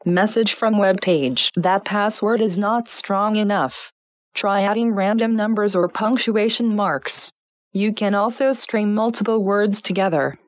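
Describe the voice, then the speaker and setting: A woman's voice: mid-range voice, dry recording, close to an everyday voice. A woman's synthetic voice acting as a screen reader, reading interface labels in clipped fragments. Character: female screen reader voice, flat and mechanical.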